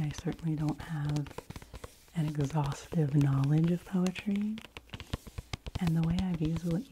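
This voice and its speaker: A woman in her forties doing soft-spoken ASMR book talk in a hushed library whisper, gently and close to the microphone. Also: sits low, noisy background. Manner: hushed, gentle, slow, often dropping into an unvoiced whisper. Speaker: ASMR video creator reviewing library books. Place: small home room with a bookshelf. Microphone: fur-covered microphone close in front of her.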